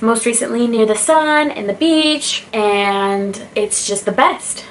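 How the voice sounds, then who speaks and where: A woman's voice: fairly high pitch, fairly bright tone, a little hiss or hum. A woman in her twenties from California with an American accent, talking to camera in a casual, slightly hesitant vlog. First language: English. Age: 20s. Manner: careful, a little hesitant. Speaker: vlogger.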